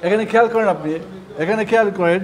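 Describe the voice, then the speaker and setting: A man's voice: high voice, fast. A Quran recitation teacher from Bangladesh, a man leading a live lesson, patiently repeating Arabic letter sounds for students to copy and encouraging them.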